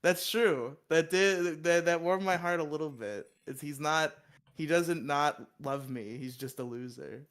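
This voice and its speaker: A man's voice: a little high, measured pace, smooth. Laughing, profane young-sounding man. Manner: laughs often, jokey and profane, voice jumps up when excited. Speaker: podcast co-host. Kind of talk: casual podcast chat.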